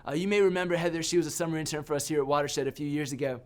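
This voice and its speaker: Animated man preaching a story sermon. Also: on the high side, rapid-fire. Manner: animated storyteller, self-mocking humor. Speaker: youth pastor.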